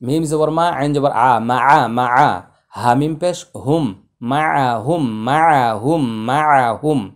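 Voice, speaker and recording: A man teaching Quran recitation, spelling out letters slowly and then chanting the words in long, drawn-out tones. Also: on the high side. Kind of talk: tajweed lesson.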